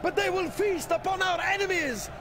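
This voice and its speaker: An actor playing a male army general who gives a rousing, shouted speech to his troops before battle in a video game. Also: very high-pitched, normal speed. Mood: rousing, defiant. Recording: loud battle crowd and noise.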